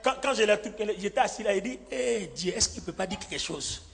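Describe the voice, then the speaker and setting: A man preaching with a bright, tense, high voice that has a gravelly edge. He tells his story as a sermon and acts out the other people's words. A long hall echo trails after him, with faint music underneath. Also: fairly quick. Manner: animated, acts out quoted lines, laughs often. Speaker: pastor.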